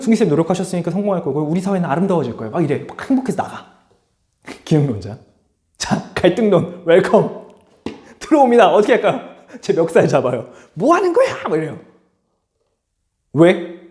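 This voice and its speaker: Animated male teacher, echoey room. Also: sits high. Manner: lively, acts out viewpoints in playful voices. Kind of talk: online lecture.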